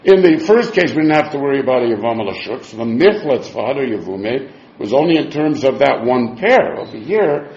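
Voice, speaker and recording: A man's voice: medium pitch, very animated, brisk, darkish tone. A man with giving an informal religious text lesson, reasoning aloud in a sing-song way as he asks and answers his own questions. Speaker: Talmud teacher. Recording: dull, echoey room recording.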